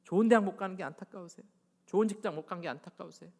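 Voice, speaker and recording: High-voiced middle-aged pastor preaching. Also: male voice, racing, gravelly. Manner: swings between loud exhortation and hushed near-whispered asides; presses the congregation with rhetorical questions. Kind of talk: sermon. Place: church sanctuary. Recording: long church reverb.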